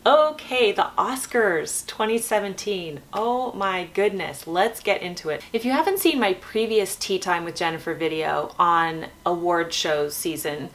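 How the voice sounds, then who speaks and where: A woman host chatting casually in a vlog, keeping her voice quiet at night as if someone is asleep nearby. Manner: keeping voice low at night so as not to wake a sleeping baby.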